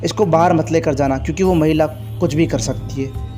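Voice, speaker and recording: A man voicing a village priest who calmly gives stern, measured warnings in a horror story. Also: fairly high pitch, music in the background, natural voice. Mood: grave. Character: calm village priest giving stern advice.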